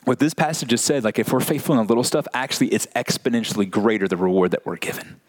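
A man preaching a sermon to a church congregation in a lively, conversational way, often saying "like". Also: mid-range voice, fast talker. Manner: animated, conversational, frequent "like" fillers. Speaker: pastor.

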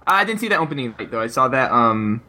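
A young man co-hosting a podcast, wry and teasing, talking in a dry, deadpan way. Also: mid-range voice, fast talker. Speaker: podcast co-host. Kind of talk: casual chat.

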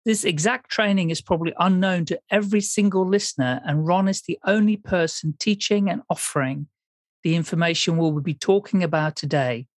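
A man hosting a podcast, reading a scripted introduction in a deliberate, announcing way. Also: sits high, no echo, studio quality. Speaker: podcast host.

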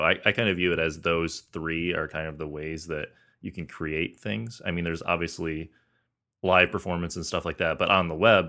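Deep-voiced man hosting an interview. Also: creaky, pushed and bright. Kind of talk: interview questions.

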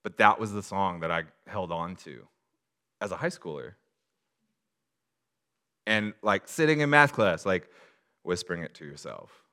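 A man's voice: deep voice, lively intonation, unhurried, pauses often, pushed and bright. A man, a pastor, preaching a personal sermon in an earnest, confessional way that builds to emphatic repeated phrases.

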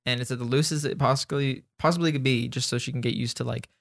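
A man hosting a casual podcast, rambling with plenty of fillers and little jokes. His voice sits at a middling pitch. The sound is dry and close, with no room around it. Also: fairly even intonation, fast talker, gravelly, a bit bright, no room sound. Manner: rambling, lots of "like" fillers, jokey. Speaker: podcast host. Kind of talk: casual chat.

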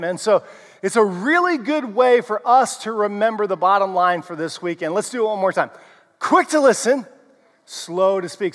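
A man preaching a sermon as pastor, leading the congregation in playful call-and-response chants. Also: high voice. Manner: energetic and playful, stretching and slowing key phrases. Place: large church hall. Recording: long reverb of a large hall.

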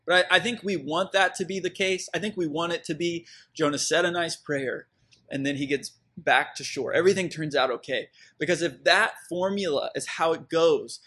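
A man's voice: a little high, fairly bright tone, breathy edge. A man, preaching a sermon in a conversational, reflective way with fillers and restarts. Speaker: pastor.

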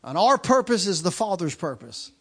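In his fifties, this pastor delivers a sermon to his congregation in a voice notably high for a man, fairly bright and slightly rough with vocal fry. He's very animated at a normal speed, hammering points through repetition, circling back on phrases and restarting sentences.

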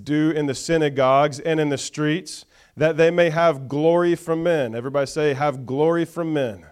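A man's voice: a little high, steady tone, normal speed, a little mellow, clear, resonant tone. A man preaching a sermon to a church, reading scripture with call-and-response and chatty asides. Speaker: pastor.

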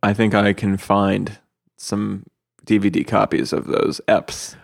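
Casting: man, lowish voice, joking casual co-host. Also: completely flat delivery, takes it slowly, creaky. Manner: joking, laughs often. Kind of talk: casual chat.

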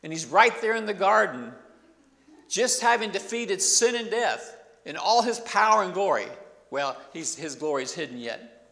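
A man delivers a sermon in a relaxed, talkative way, pausing to toss rhetorical questions to his listeners. His voice sits a little higher than most men's. A long reverb from the large hall trails after each phrase. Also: gravelly. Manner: conversational preaching with rhetorical questions and asides. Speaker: pastor.

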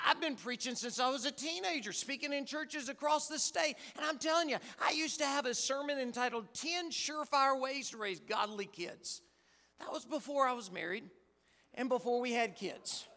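A male pastor from the United States delivering a Sunday sermon with a very high, bright and forceful voice. He talks animatedly, stumbles over and repeats words, and keeps asking the congregation questions. His voice rings out through a church sanctuary with a long, hall-like reverb.

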